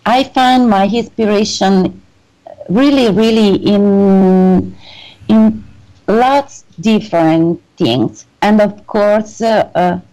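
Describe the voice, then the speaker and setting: Slow, halting Italian-accented woman. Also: mid-range voice, warm tone, rough recording. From Italy. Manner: hesitant, halting, many fillers, frequent laughs. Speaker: guest fashion designer. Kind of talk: interview conversation.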